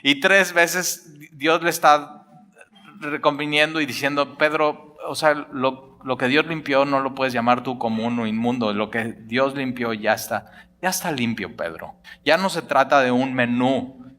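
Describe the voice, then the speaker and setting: A man preaching a sermon as pastor, retelling a story with lively acted-out dialogue and jokes. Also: mid-range voice, moderate pace.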